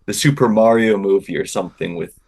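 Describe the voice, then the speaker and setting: A man with a fairly low voice tells a humorous personal story in casual podcast conversation. He is wry and self-deprecating. His delivery is halting, with stammers and repeated phrases. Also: creaky, a little mellow, breathy edge. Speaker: guest telling an anecdote.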